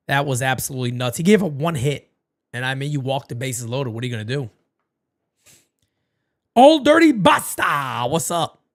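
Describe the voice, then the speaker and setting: A man with a mid-range voice hosts a live fan watch party, calling the game play-by-play and chatting with viewers. His voice is going hoarse, he gets worked up easily, yells on big plays and curses freely.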